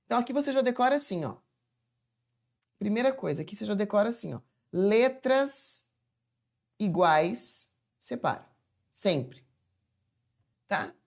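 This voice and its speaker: A woman's voice: mid-range voice, lively intonation, measured pace, pauses often, darkish tone. Emphatic Brazilian woman teaching grammar. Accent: Brazilian Portuguese. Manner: emphatic, asks and answers her own questions. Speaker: Portuguese teacher. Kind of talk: video grammar lesson.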